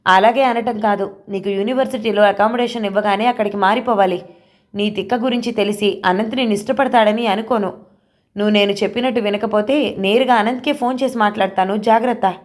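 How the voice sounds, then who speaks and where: A woman's voice: mid-range voice, steady tone, brisk, natural voice. A woman voicing a stern middle-aged mother who scolds in a harsh, cutting, reproachful way, in an audio novel. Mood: scolding.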